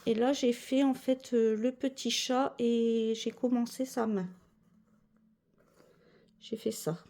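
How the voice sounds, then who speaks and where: A woman's voice: on the high side, steady tone, slow, mellow. A woman chatting casually as a cross-stitch vlogger, rambling with many fillers and self-corrections. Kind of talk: casual chat.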